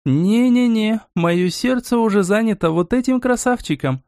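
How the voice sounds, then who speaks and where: A woman's voice: a little high, lively intonation, normal speed, darkish tone, no room sound, clean studio sound, pitched above the performer's own voice. A man voicing a brash, tough young woman hacker who talks bossy and blunt. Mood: playful.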